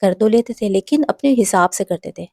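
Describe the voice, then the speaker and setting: A woman with a mellow, warm voice gives parenting advice in a steady, instructive way, addressing mothers directly. Her recording is close and dry, with no room sound around her. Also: mid-range voice, no echo.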